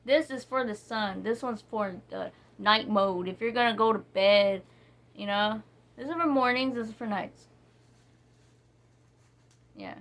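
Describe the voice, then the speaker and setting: A woman casually reviewing bar soaps, reading ingredients slowly and rambling with many fillers and restarts. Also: mid-range voice, a bit bright. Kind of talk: casual product review chat.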